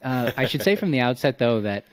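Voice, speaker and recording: Into a studio mic on a boom arm in his home room, a young podcast host reads an intro and asks questions politely, with self-deprecating hesitance. His medium-pitched voice swings widely and moves a little fast, with no room sound.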